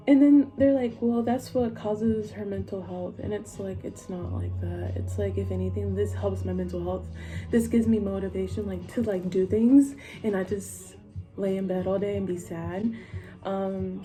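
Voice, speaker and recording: A young woman with a soft-edged, mellow voice vlogs casually while she gets ready. She rambles in a drifting stoner way, loose and sweary, with music playing faintly behind her. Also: medium pitch. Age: young adult. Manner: informal, sweary. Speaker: vlogger. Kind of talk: casual get-ready-with-me chat to camera.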